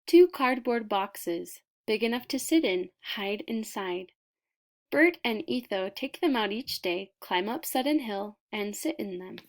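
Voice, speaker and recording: Reading a picture book to children, this woman speaks at a medium pitch with lively intonation. Her delivery is deliberate and expressive, full of dramatic pauses and stressed words.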